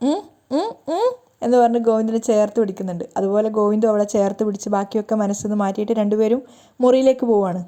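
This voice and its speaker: Woman racing through a serial recap, mellow voice, trips over names and fixes them. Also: mid-range voice, fairly even intonation. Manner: hurried telling with slips and self-corrections. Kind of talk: fast spoken recap narration.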